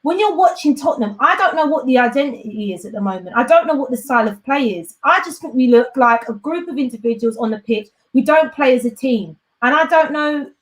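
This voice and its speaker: A woman football pundit in casual panel chat, exasperated and animated, laughing often. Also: high voice, brisk, hardly any pauses, poor audio.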